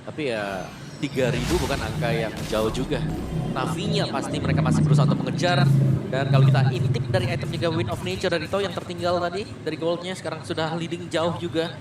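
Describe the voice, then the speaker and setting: A man's voice: on the high side, fast. A man with an Indonesian accent giving analytical esports commentary as a co-caster. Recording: echoey, distant, music behind.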